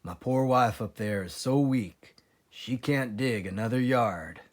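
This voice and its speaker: A man voicing an anxious, excitable father badger in a storybook, desperate and dramatic in manner. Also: mid-range voice, a little slow, lightly acted. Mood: despairing. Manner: dramatic, exclamatory, fretful.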